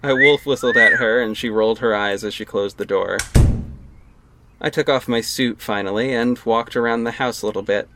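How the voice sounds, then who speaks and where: A young man narrates his own audio drama in the first person, also acting as its lead, in a wry, casual tone. His voice is medium-pitched at a normal pace. The recording is very noisy, with a music bed underneath.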